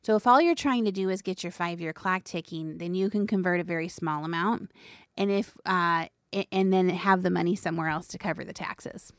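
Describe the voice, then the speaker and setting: A woman's voice: on the low side, brisk, no echo, clean studio sound. A woman hosting a financial advice show, explaining things in an informal, conversational way. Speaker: financial radio show host.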